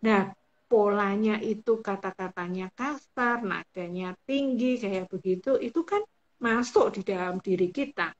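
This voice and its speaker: Woman counselor talking things through calmly on a live stream, kinda dull lo-fi audio. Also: medium pitch, a little slow. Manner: patient, explanatory, acts out example phrases. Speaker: family counselor guest. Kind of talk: live-stream advice talk.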